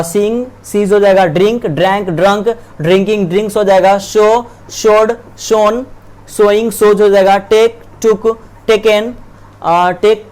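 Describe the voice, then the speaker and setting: A man's voice: high voice, a little mellow. A young man giving an online English grammar lesson, reading verb forms aloud, often repeating himself and correcting slips. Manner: reads word lists aloud, repeating and self-correcting; keeps checking in with "theek hai".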